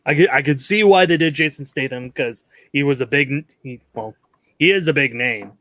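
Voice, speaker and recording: A man's voice: medium pitch, normal speed, sharp tone, no echo. A man hosting a casual movie review podcast, chatty and giggly with lots of fillers. He leads the talk and asks the others for their picks. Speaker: podcast host.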